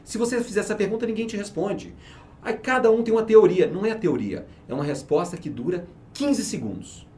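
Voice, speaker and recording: A company manager working in research and market speaks briskly, with a high-sitting, darkish voice and lively intonation, as an interview guest. He persuasively explains his teaching method, stressing points and answering rhetorical questions he poses himself.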